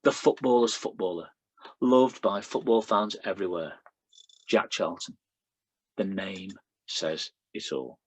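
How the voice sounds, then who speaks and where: In a low-pitched, slightly rough voice, a middle-aged Lancashire poet reads his poems a little slowly, leaving long pauses. He speaks Lancashire English, adding chatty asides and fillers as spoken introductions, on a rough recording with no echo.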